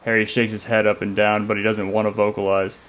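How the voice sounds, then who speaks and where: A man narrating a story in a steady, measured delivery. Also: on the low side.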